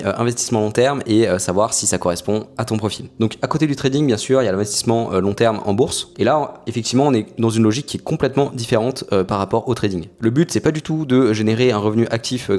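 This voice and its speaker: Young male YouTuber, fast and hesitant, explaining casually to camera. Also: on the low side, a little mellow. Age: young adult. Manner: frequent hesitations with many "euh" fillers. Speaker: finance YouTuber.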